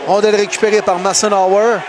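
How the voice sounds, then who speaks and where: A man with a Québécois French accent calling hockey play-by-play as excited sports commentary, shouting on big plays. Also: high voice, fairly quick. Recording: loud noise and crowd behind voice. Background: arena crowd and noise.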